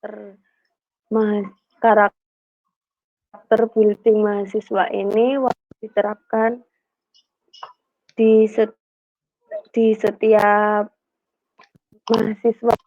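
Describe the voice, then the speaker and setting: Woman student on a breaking-up video call, flat and formal delivery, muffled dry line that drops words. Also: mid-range voice, takes it slowly, pauses often, no room sound. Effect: video call audio cutting out mid-word. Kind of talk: online class discussion.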